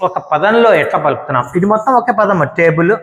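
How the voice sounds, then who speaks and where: A man teaching English word stress, explaining slowly and repeating each example word. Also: high voice, animated, fairly bright tone. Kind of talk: spoken grammar lesson. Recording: echoey room with long reverb.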